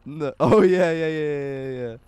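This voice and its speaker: A man's voice: a little high, takes it slowly, a little mellow, clear, resonant tone, no room sound. A young man in casual gaming banter, joking and teasing while talking to the chat. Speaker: streamer's co-op partner.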